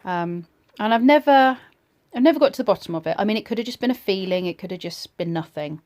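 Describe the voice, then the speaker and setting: A woman's voice: mid-range voice, lively intonation, fast, a little mellow. Woman telling a personal story, hesitant and reflective. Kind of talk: personal ghost story told casually.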